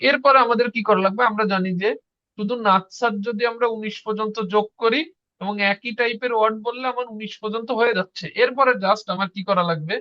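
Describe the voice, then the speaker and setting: A patient language teacher, speaking over a video call. The teacher repeats each word slowly and prompts the class to echo it. The sound is muffled and dull, close and dry with no room echo. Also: mid-range voice. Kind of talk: online class lesson.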